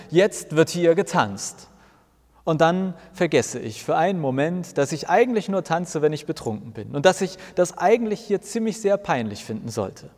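A man's voice: on the high side, darkish tone. A man narrating a first-person story for a weekly sermon podcast in a wry, self-mocking tone. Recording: long reverb.

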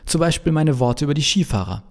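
A man's voice: on the high side, expressive, fast, voice pushed up. Jesus, smug hot-headed son of God, voiced by a man. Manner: self-assured, boastful. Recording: long reverberant echo.

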